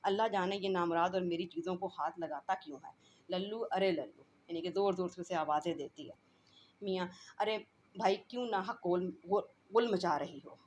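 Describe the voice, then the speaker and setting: A woman's voice: on the low side, darkish tone, a little hiss or hum. A woman teacher who reads a classroom play aloud and explains each line in simpler words.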